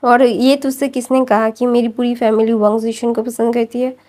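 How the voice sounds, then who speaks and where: A woman's voice: a little high, level tone, normal speed, darkish tone, lightly acted. Woman voicing a bossy possessive young man. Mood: insistent.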